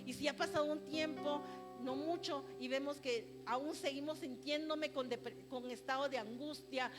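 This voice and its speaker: Guatemalan woman preaching, earnest, slows down to hammer points home, music playing under her. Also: high voice, steady tone. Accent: Guatemalan Spanish. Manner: earnest, exhorting, slows for emphasis. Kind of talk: sermon. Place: church. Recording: church livestream with music behind. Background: instrumental music.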